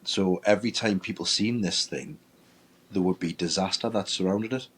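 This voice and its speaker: A man, a paranormal investigator, telling a ghost-hunting story in a lively way and acting out his own reactions. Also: low voice, moderate pace, slight background noise. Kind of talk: storytelling in casual chat.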